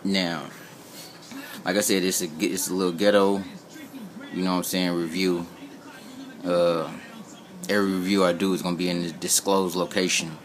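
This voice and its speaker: Chatting casually from a room at home, this Indiana man reviews sneakers as an amateur, rambling, joking and speaking colloquially in a low-pitched voice. His vlog is captured on an old flip phone held behind the camera, with slight background noise.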